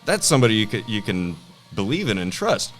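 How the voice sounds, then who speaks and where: A man's voice: on the low side, big pitch swings, a little fast, fairly bright tone, soft background music. A man talking over beers in crude, laughing banter as co-host of a podcast. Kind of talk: casual chat over beers.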